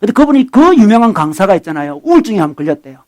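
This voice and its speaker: High-voiced animated Korean pastor preaching. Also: male voice, rapid-fire. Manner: animated, conversational preaching with sudden loud and soft swings; acts out dialogue with his son. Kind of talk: sermon.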